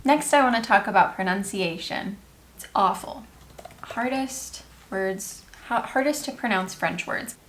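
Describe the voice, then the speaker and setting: A woman's voice: medium pitch, reverberant, slight background noise. A young American woman talking casually to camera about her struggles with learning French, chatty and self-mocking. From United States. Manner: chatty, self-mocking, quick bursts of talk.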